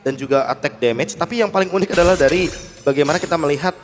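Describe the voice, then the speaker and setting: A man's voice: on the high side, racing, noisy background. A man with an Indonesian accent giving analytical esports commentary, explaining tactics to the viewers.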